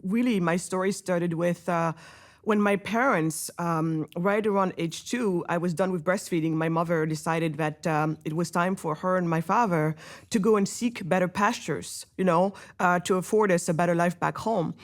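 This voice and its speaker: A woman's voice: lowish voice, moderate pace. A woman from Senegal, a guest in an interview, telling her story in a blunt, direct way. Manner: blunt, direct, animated when arguing.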